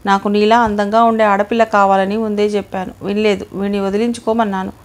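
A woman's voice: mid-range voice, flat delivery, fairly quick, darkish tone, close to an everyday voice. A woman voicing a callous, wealthy older father in an audio novel, cold and mocking.

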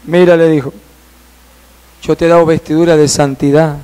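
A man preaching who voices Jesus as a grave, sorrowful judge, speaking slowly, solemnly and firmly. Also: fairly high pitch, little pitch movement, dark tone, clear, resonant tone, lightly acted. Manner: solemn, slow, firm.

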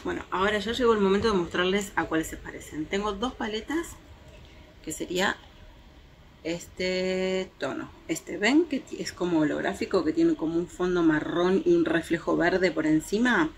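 Woman doing a makeup review out on her terrace, lowish gravelly voice, faint noise behind. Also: normal speed. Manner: chatty, hesitant fillers, shows swatches to viewers. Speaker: beauty vlogger. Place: home terrace, outdoors in daylight.

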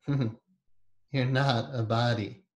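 A man in his fifties guiding a meditation class in an unhurried, conversational way, with pauses between phrases. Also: mid-range voice, steady tone. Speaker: meditation teacher. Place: small indoor room. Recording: echoey, roomy sound.

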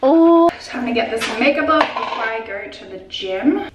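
A woman's voice: fairly high pitch, expressive, moderate pace, background noise. A young Australian woman chatting casually in a vlog, swearing freely and giggling. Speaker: vlogger.

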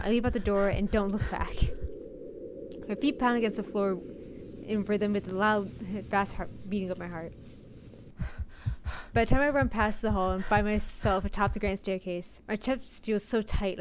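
A woman with a medium-pitched voice streams a horror visual novel, dramatically reading the narration aloud and occasionally tripping over words. Game music plays in the noisy background.

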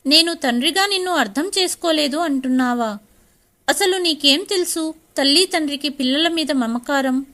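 A woman's voice: high-pitched, normal speed, pushed and bright. A woman voicing a stern but caring older father in a storybook reading.

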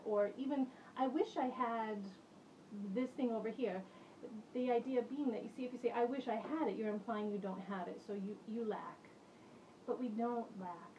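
A woman's voice: mid-range voice, a little mellow. A woman in her forties hosting a casual kitchen vlog, chatting and explaining to the camera as she mixes tea. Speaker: host of a witchcraft kitchen show. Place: home kitchen, indoors. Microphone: camera mic from a few feet away. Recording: slightly distant camera mic with faint room noise.

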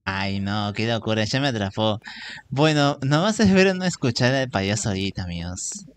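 A man's voice: fairly low pitch, animated, moderate pace, clear, resonant tone. A man hosting a live gaming stream, exclaiming, groaning and laughing as he plays. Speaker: gaming livestream host. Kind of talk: live Roblox gameplay commentary. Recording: loud game music behind voice.

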